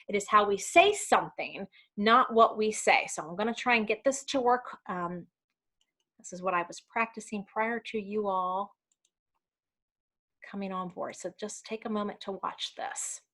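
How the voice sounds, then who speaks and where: A woman's voice: medium pitch, moderate pace, sharp tone. A woman leading a virtual workplace training, talking casually with ums and self-corrections as she walks through slides. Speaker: community education trainer. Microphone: video call.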